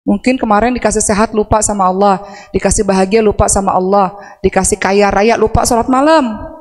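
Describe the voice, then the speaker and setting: A woman's voice: mid-range voice, steady tone, brisk, darkish tone. Brief: woman preacher, chatty with the crowd, long hall reverb. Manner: conversational, asks the audience questions; acts out anguished prayers in a raised voice. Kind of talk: religious talk to women. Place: large mosque hall.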